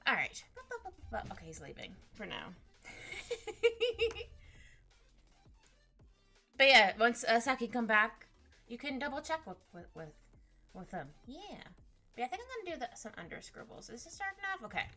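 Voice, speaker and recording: Giggly high-voiced woman streaming. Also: wildly swooping pitch, moderate pace, long pauses. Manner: giggly, bubbly, trails off and restarts. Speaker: streamer drawing live. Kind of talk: casual chat with live chat while drawing. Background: soft background music.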